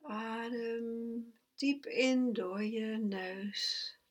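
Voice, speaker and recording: A woman guides a breathing meditation in a slightly high voice. She speaks extremely slowly and leaves long pauses. Her tone stays soft and calm, and now and then she sinks to a near whisper. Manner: slow, soft, calm instructions, at times sinking to a whisper.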